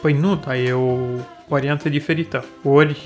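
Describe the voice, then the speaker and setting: A Romanian man co-hosting a casual chat, reasoning things out in a dry, deliberate way. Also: a little high, fairly even intonation, faint music behind. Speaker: podcast co-host.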